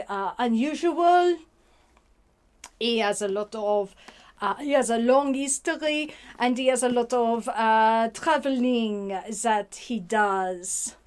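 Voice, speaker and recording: A woman hosting a casual book review vlog, slipping words into her talk and pausing often on fillers. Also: fairly high pitch, clear, resonant tone. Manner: sprinkles French words, halting with many fillers.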